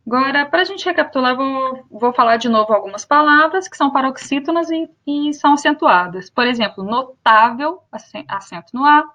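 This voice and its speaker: Young Brazilian woman teacher, high voice, slow careful repeats, dull lo-fi sound. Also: expressive, bright, forceful tone. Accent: Brazilian Portuguese. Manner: spells out and repeats example words slowly. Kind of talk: spoken grammar lesson.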